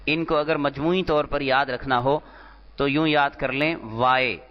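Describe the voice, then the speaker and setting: Man, lecture recording Urdu Arabic teacher, slightly high voice. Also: fairly even intonation. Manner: slow deliberate explanation, repeating terms. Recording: dull lo-fi audio in a reverberant hall.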